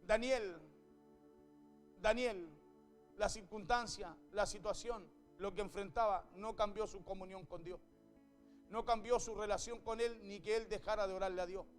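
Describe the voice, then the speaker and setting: High-voiced man preaching with fervor. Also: fairly even intonation, moderate pace, faint music behind. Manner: fervent, repeats phrases, interjects "hey". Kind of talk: sermon with scripture reading.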